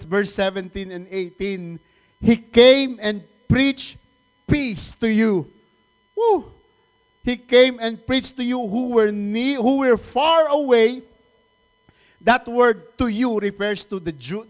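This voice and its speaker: A middle-aged pastor with a Filipino accent delivers a sermon in a fairly high voice. His preaching is animated, full of repeated words and quick laughs. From Philippines.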